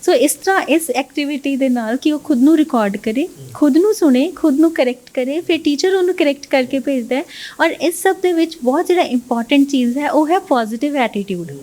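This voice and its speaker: A woman's voice: high-pitched, animated, brisk, darkish tone. A woman English teacher, explaining her methods in an interview and often checking "right?" with the listener. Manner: mixes English phrases into Punjabi, keeps asking "right?".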